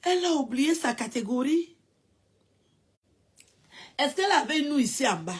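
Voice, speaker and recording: A woman in a casual mocking rant, mixing teasing questions with drawn-out mock wailing. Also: high voice, expressive. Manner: mocking, with drawn-out mock wailing and repeated sing-song cries. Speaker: commentator.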